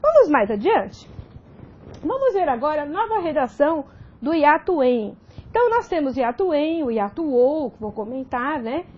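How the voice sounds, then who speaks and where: A Brazilian woman gives a recorded grammar lesson, her high voice rising and falling with lively emphasis. She explains each point step by step and keeps checking in with short tag questions. The sound is a little dull and lo-fi. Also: moderate pace. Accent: Brazilian Portuguese. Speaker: grammar teacher.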